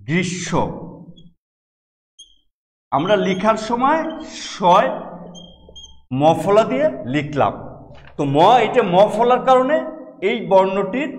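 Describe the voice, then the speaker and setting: Male teacher w a highish voice explaining step by step, repeats words slow, echoey hall. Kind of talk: classroom lecture. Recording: echoey room with long reverb.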